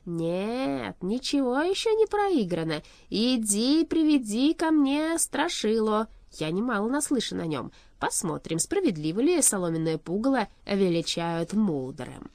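A woman voicing a proud, tormented shadow king who once betrayed his side, speaking slowly and heavily. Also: on the low side, big pitch swings, darkish tone, dry recording. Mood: commanding.

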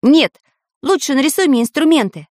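A woman's voice: high voice, expressive, normal speed, a little mellow, dry recording, clean studio sound, voice pushed up. A woman voicing a practical, matter-of-fact metal tinkerer man in a children's audiobook. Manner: matter-of-fact, a little glum.

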